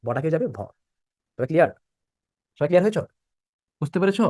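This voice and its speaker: Fast, lively man teaching a class. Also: on the high side, no echo, studio quality. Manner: repeats points and quizzes students by asking questions. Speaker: admission-prep teacher. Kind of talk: live online class lesson.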